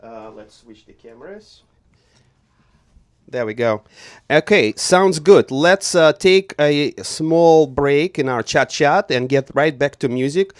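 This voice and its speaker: A man's voice: on the high side, slow, long pauses, dry recording. A man hosting a live radio show from a small studio, introducing guests formally with many hesitations. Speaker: radio host.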